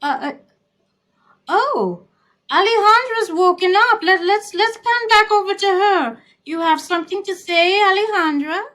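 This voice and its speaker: A sugary talk-show host speaks in a very high, slow voice, played by a woman. She stretches her words and showers her guests with endearments. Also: fairly bright tone, rough recording. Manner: sweet, drawn-out, calls guests darling and honey.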